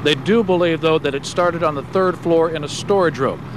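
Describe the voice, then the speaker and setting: A man's voice: fairly high pitch, normal speed. Male field reporter with noisy background. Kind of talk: live report and scripted news narration. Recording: clear outdoor traffic and vehicle noise.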